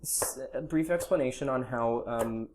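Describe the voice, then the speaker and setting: A man's voice: medium pitch, normal speed. A man co-hosting a casual podcast in a kitchen, teasing his friend and laughing easily. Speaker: podcast co-host. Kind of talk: casual chat while cooking. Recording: faint background noise, home kitchen.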